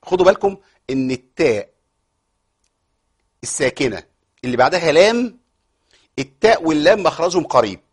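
A man's voice: fairly high pitch, expressive, brisk, long pauses, breathy edge. Egyptian man teaching Quran recitation. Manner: explanatory, asks rhetorical questions and answers them. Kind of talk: tajweed lesson with recited examples.

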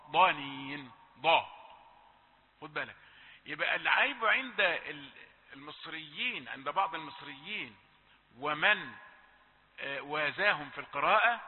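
A man teaching Quran recitation, correcting pronunciation and chanting verses slowly to demonstrate. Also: high-pitched. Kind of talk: recitation lesson. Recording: tinny phone-like, long hall reverb.

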